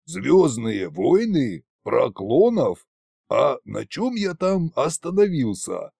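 A man voicing a gruff, lazy old undead king who drinks heavily, speaking in a drawling, slurred way. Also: mid-range voice, very animated, takes it slowly, warm tone, no echo, clean studio sound, exaggerated voice. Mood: whiny, distracted.

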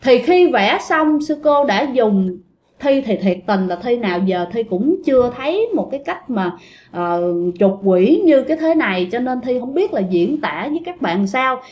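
A woman's voice: on the high side, very animated, normal speed, darkish tone. A woman casually telling a ghost story and chatting to her listeners. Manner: chatty, addresses listeners, many fillers.

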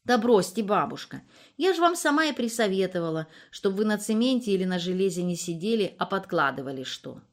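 A woman's voice: medium pitch, very animated, a little fast. A woman voicing a nosy, cheeky young village nurse who talks chattily and coquettishly. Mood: chatty, prying.

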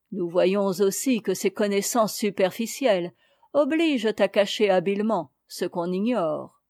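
Woman audiobook reader, fairly high, mellow voice, unhurried essay reading, dry close sound. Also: no echo. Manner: measured, deliberate reading. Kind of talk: reading a classic essay aloud.

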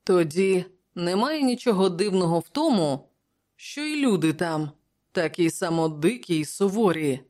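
A narrator reading an audiobook voices a cheerful young nobleman with a light, teasing tone, pitched higher than the narration. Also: expressive, normal speed, a little mellow, close to an everyday voice. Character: cheerful young nobleman friend of the king, man.

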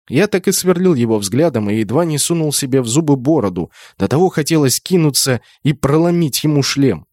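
A man's voice: fairly high pitch, darkish tone, no room sound. Man narrating an audiobook, dry sound. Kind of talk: first-person audiobook narration.

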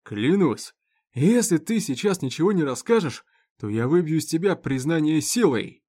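A man's voice: fairly high pitch, animated, normal speed, dark tone, pitched above the performer's own voice. A man voicing a hot-tempered small-town sheriff who speaks in a commanding, growling tone. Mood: angry.

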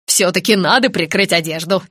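A woman voicing a brisk, fussy female TV director who bosses her crew and gushes over the family. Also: on the low side, a bit bright, slightly rough, dry recording, studio quality, pitched below the performer's own voice. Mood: bustling.

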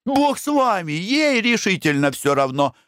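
A man voicing a frank, breezy young man with a brisk, offhand way of speaking. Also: sits high, sing-song, a bit bright, clear, resonant tone, no echo, studio quality, pitched above the performer's own voice, exaggerated voice.

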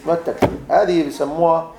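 Egyptian man, grammar teacher, slightly high voice, quizzing and teasing his class, echoey room. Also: fairly even intonation, fast, crowd noise. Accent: Egyptian Arabic. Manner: quizzes students, repeats points, teasing asides. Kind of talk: classroom lecture. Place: classroom with students.

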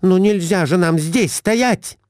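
A male reader voices a shrill, bossy middle-aged wife who nags in a high, swooping voice and sprinkles broken French into her scolding. The delivery is a little slow with big pitch swings and a darkish tone, recorded dry and close like a storybook with no room sound.

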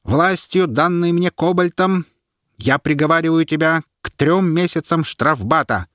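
Guy doing a showy herald, loud and bossy, stretches words, dry close sound. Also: fairly high pitch, measured pace, no room sound, voice pushed up. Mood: commanding. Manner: loud, proclaiming, drawn out. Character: commanding male herald, mocking and theatrical.

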